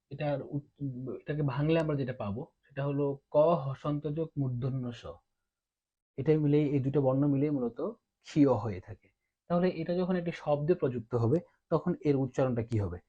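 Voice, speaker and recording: A man teaching a class, explaining step by step with patient pauses and hesitations. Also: medium pitch, dark tone, husky. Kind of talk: explaining at a board. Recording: dull lo-fi recording.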